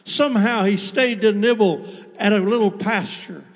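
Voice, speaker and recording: A man's voice: high voice, moderate pace. A man preaching a passionate sermon as a bishop in a church sanctuary, with repeated, building phrases. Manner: impassioned, repetitive preaching cadence. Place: church sanctuary with pews and altar. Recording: long reverb of a large church hall.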